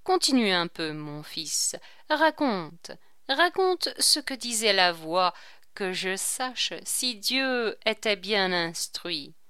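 A woman's voice: medium pitch, very animated, slow, pushed and bright, clean tone, no room sound, clean studio sound, heavily acted. A woman reading aloud, voicing a sly, mocking male court jester who teases with ironic questions.

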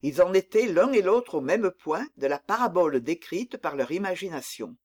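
An expressive narrator reads a classic novel aloud in a steady literary delivery. The pitch rises and falls with lively movement. Each long sentence is shaped with care. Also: normal speed.

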